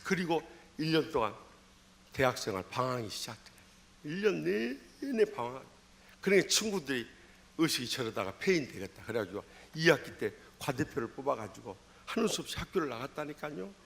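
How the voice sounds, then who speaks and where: A man's voice: on the high side, fairly bright tone. A man in his sixties with a Jeolla accent, a pastor telling a personal story in a dawn sermon with dramatic swings of voice. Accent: Jeolla Korean. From Jeolla, Korea. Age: 60s. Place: church sanctuary.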